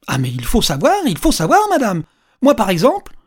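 A narrator voicing a jovial, eccentric old man who teases strangers loudly and theatrically in an audiobook. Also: medium pitch, big pitch swings, fairly quick, voice pushed up. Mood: loud, teasing. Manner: loud, theatrical, teasing. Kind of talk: audiobook character voice.

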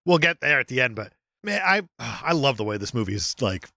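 A man co-hosting a podcast, chatting casually about a movie in an animated, jokey way with some swearing. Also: mid-range voice, a little fast, gravelly, no room sound, clean studio sound. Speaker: podcast co-host.

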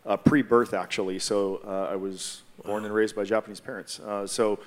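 A man from Hawaii gives a personal testimony on a church panel, speaking in a measured, reflective way with frequent pauses. His voice is lowish and his tone steady.

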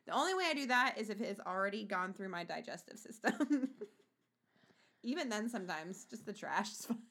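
A woman's voice: mid-range voice, expressive, normal speed, a bit bright. Casual swearing woman narrating a case. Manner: profane, reads case notes with asides. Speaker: podcast co-host. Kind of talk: casual true-crime chat.

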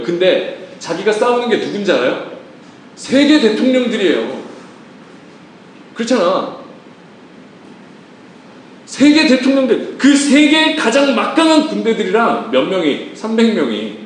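Animated preacher man in an echoey hall. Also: high voice, slight background noise. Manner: animated, joking, asks the congregation questions. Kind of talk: lively sermon with acted-out quotes. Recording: echoey room, voice from a distance.

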